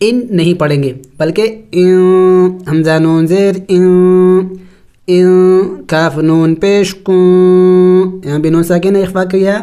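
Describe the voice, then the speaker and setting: Tajweed teacher, smooth clear voice, mid pitch, drills syllables slowly and explains rules quickly. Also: steady tone, dark tone. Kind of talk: step-by-step recitation lesson.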